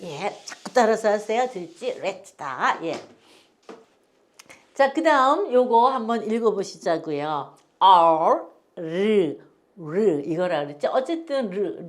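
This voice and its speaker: A woman teaching English phonics to older learners, patiently repeating each word for them to copy. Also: mid-range voice.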